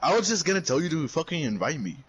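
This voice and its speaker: A man's voice: a little high, big pitch swings, fast, dull audio, crowd noise. A young man in casual gaming chat who talks bluntly, swears often and trips over his words. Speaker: friend on call.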